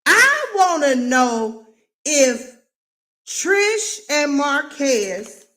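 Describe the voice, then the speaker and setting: Hosting a live recap of a reality show, this woman speaks in a high, bright, forceful voice with big pitch swings. She stutters, and her commentary is emphatic and preachy, with long, drawn-out stresses.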